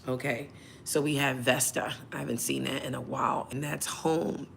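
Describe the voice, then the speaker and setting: A woman whose voice is still hoarse, hosting a tarot livestream in a chatty way and checking in with her listeners often. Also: a bass voice, steady tone, moderate pace, background noise. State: hoarse, recovering voice. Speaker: tarot reader and channel host.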